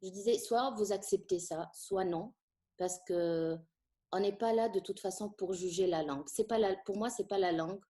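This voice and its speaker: Speaking at a medium pitch in a mellow voice, a middle-aged Tunisian woman answers interview questions conversationally. She teaches French, grew up speaking Arabic, and pauses thoughtfully and often, filling gaps with fillers.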